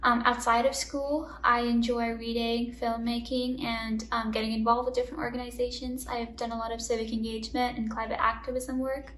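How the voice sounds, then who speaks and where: Young woman from India, college student, even and flat delivery, distant roomy mic with faint hiss. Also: a little high, a little fast, hardly any pauses. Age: young adult. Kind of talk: personal introduction.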